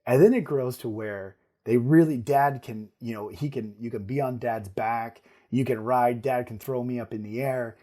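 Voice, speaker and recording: A middle-aged man talks through family stories on a podcast, with a mellow, warm tone. His delivery is lively and full of restarts, as if he is thinking aloud while he tells them. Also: mid-range voice, normal speed, hardly any pauses. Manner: animated storytelling with restarts and laughs. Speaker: guest, surgeon and father. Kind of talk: casual podcast conversation.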